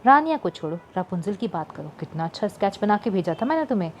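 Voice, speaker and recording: A woman's voice: medium pitch, sing-song, quick pace, slight background noise, close to an everyday voice. A woman voicing a wry teasing young shopkeeper. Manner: wry, mock-offended banter.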